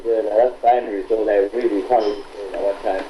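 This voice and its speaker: A man co-hosting a podcast who talks in a halting way and repeats words. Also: fairly low pitch, steady tone, dark tone, slight background noise, rough recording. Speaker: podcast co-host. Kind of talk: casual group chat.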